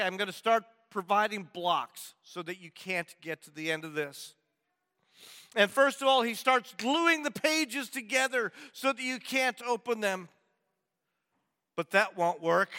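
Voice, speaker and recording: A pastor preaching a sermon, telling a story playfully and building mock suspense. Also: male voice, very high voice, bright, forceful tone. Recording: long hall reverb.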